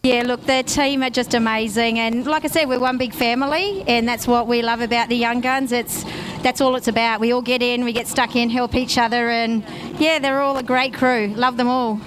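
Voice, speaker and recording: A woman speaks casually in a slightly raised pitch. She is being interviewed at a racetrack as a team backer, with clear engine noise around her. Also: fairly even intonation, normal speed, rough recording. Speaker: team sponsor. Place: outdoors at a speedway. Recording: loud outdoor vehicle noise.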